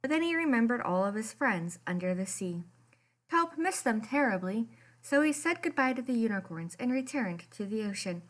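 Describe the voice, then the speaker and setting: A woman reading a children's picture book aloud as expressive storytime narration. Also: fairly high pitch, moderate pace.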